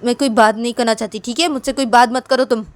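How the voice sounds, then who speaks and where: A woman voicing an irritated young mother who scolds in a raised, petulant voice, much higher than her own narrating voice. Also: fairly even intonation, fast, natural voice.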